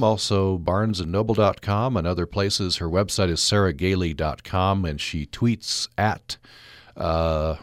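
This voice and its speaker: Man, low pitch, radio host, casual interview, hesitant phrasing, dry close mic. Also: dry recording. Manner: halting, hesitant, tentative phrasing. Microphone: close studio broadcast microphone.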